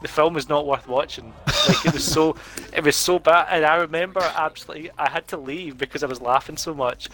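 A man chatting casually over a board game, telling an animated story, laughing often and swearing freely. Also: on the high side, a little fast, few pauses, soft background music. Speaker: podcast co-host.

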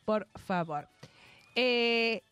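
A woman's voice: a little high, drawn-out words, a bit bright, smooth, dry recording. A woman radio host, playful and laughing as she introduces clips. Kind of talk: casual radio chat. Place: radio studio.

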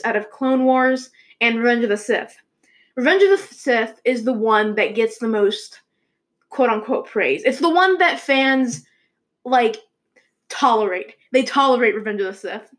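A young woman with a somewhat high voice talks through movie news like a show host. She rambles along in a loose, casual way, full of fillers and restarts. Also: lively intonation, unhurried, fairly bright tone.

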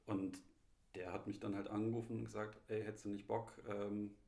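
A man's voice: on the low side, flat delivery, creaky, dark tone. A man from Munich, a film assistant director, answering interview questions with many hesitations and filler sounds. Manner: hesitant, many ums and pauses. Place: host's living room. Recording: echoey home room.

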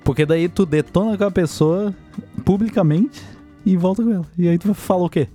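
A man's voice: high-pitched, brisk, faint music behind. Laid-back man on a podcast. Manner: relaxed, agreeable backchanneling. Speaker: podcast co-host. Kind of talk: casual podcast chat.

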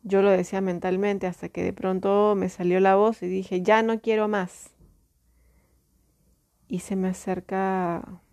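A woman telling a personal story in a reflective, halting way, often restarting her sentences. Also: fairly low pitch, dark tone.

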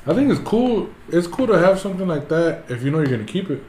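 A man's voice: high-pitched, big pitch swings, fast talker, mellow. A man chatting informally with friends in slangy speech, with lots of "like" as filler. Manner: informal, questioning, frequent "like". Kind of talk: casual chat with friends, slang and swearing. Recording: roomy echo, faint background noise.

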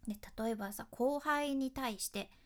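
A woman's voice: high-pitched, normal speed. A woman with a who works as a freelance announcer, giving a chatty, upbeat speaking lesson with frequent laughter. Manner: chatty and upbeat, laughing often while explaining. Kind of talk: casual spoken lesson.

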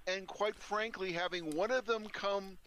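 A man playing a tabletop game over voice chat on a headset, talking quickly and considerately. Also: high voice, steady tone, fairly bright tone, rough recording. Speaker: player.

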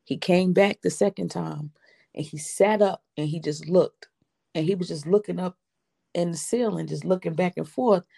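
Gravelly lady telling her faith story slow and earnest, low-ish voice, dry close sound. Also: dark tone, no room sound. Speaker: widow giving a testimony. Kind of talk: personal faith testimony.

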